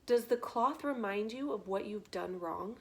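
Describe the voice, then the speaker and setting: A woman voicing a sly, smooth-talking male rat who speaks in a soft, measured, courteous way. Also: mid-range voice. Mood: silky calm.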